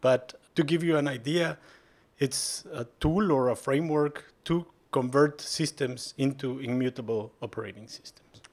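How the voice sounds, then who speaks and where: A man's voice: mid-range voice, normal speed. A man from Guatemala, a guest giving thoughtful, explanatory interview answers. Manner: thoughtful, explanatory, with light laughs. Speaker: guest, software maintainer.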